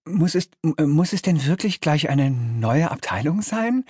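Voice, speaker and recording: A man's voice: on the high side, big pitch swings, measured pace, darkish tone, husky, no echo, clean studio sound, pitched above the performer's own voice, heavily acted. A man voicing a timid demon clerk who stammers and hesitates.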